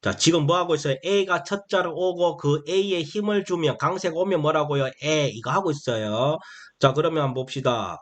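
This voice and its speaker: A man teaching English phonics to beginners in a slow, explanatory way. He keeps asking questions and answering them himself, and he drags out the key phrases. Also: fairly high pitch. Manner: repetitive, asks and answers his own questions; drawls key phrases slowly.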